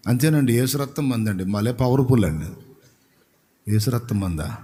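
A man's voice: medium pitch, lively intonation, moderate pace, mellow, voice pushed down, lightly acted. A man voicing a simple, trusting elderly village woman farmer, explaining in a plain, matter-of-fact way. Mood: earnest. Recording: long hall reverb.

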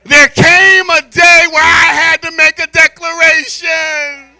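A middle-aged American man preaching a sermon with theatrical, drawn-out emphasis, telling stories and addressing his congregation through a handheld microphone. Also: very high-pitched, dry recording. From born in Spain, American military family. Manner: animated, theatrical, drawn-out emphasis, swinging from quiet asides to shouts. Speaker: church elder preaching. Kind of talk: sermon with storytelling and call-and-response to congregation. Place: large church hall, indoors.

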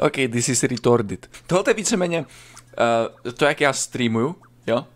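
A man streaming a video game, commenting casually and crudely, swearing often and breaking into sudden high yelps. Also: expressive. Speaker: gaming streamer. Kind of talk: casual let's-play commentary.

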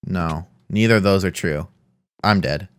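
A man's voice: low voice, measured pace, clear, resonant tone. A young man chatting casually during a game, teasing his friend with dry remarks. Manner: dry teasing, lively reactions. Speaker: gaming channel co-host. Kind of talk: casual gameplay chat.

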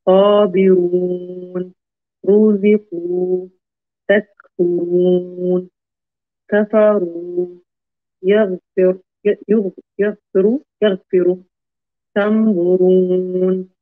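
A man student reciting single words in a drill, drawn out and deliberate, sometimes restarting a word. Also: sits high, flat delivery. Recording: tinny phone-like line.

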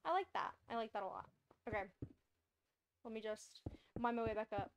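A woman's voice: fairly high pitch, lively intonation, brisk, noisy background. A young woman streaming a video game, chatting casually and rambling, with frequent laughs. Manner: bubbly, rambling, laughs often. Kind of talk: casual gameplay chat.

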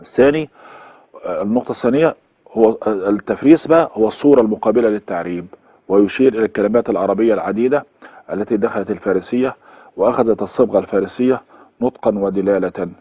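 A man's voice: on the low side, fast, breathy edge, dry recording, highs cut off. A man with an Egyptian accent giving a recorded university course lecture, listing examples one by one and repeating them, with fillers. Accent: Egyptian Arabic.

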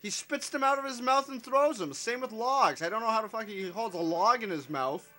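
A man's voice: high-pitched, brisk, pushed and bright, soft background music. A man chatting casually over a party video game, rambling, swearing and laughing. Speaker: gamer playing with friends. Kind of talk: casual let's-play banter.

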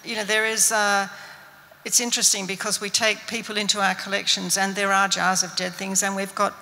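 Older woman, earnest, creaky, hall echo. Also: mid-range voice, little pitch movement, brisk, bright, forceful tone, slight background noise. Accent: Australian. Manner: earnest, with many fillers and restarts. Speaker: museum scientist panellist. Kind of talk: panel discussion answer. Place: stage of an event hall. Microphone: handheld mic. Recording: long reverb of a hall.

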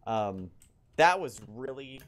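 A man co-hosting a gaming let's play, joking around, excitable and prone to stammering. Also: mid-range voice, slow. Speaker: co-host. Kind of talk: casual gaming commentary.

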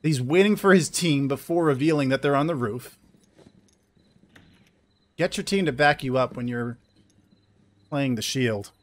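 A man casting a tactical shooter tournament as play-by-play commentator, excitable and quick to burst into loud exclamations. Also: medium pitch, slight background noise. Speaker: esports caster.

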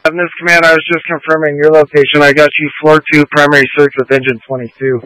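A man's voice: fairly high pitch, flat delivery, quick pace, bright, forceful tone, no echo, poor audio. A man working as fire incident commander, giving terse radio orders over a two-way radio. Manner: terse, directive.

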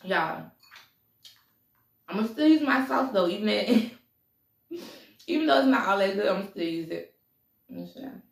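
Woman vlogger, gravelly, mic a little off, roomy echo; casual chat with humming between bites. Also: mid-range voice, animated, unhurried, pauses often, recorded from a distance. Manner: chatty, laughing between bites, lots of mm sounds. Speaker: mukbang vlogger. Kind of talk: casual eating vlog chat. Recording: echoey room, voice a bit off-mic.

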